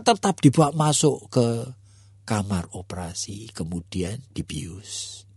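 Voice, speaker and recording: A man's voice: a little high, husky, dry recording, clean studio sound. A male pastor preaching a sermon, dramatic, dropping at times to a whisper and calling listeners brothers and sisters. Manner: dramatic, swings between loud and whispered.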